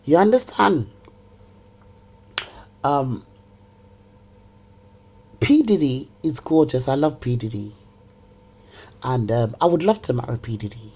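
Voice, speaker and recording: A woman's voice: rumbling low, expressive, takes it slowly, long pauses, mellow, slightly rough. A middle-aged woman delivering a confrontational monologue straight to camera, repeating herself and scolding someone who is not there. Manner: confrontational, repetitive, rants at an absent person.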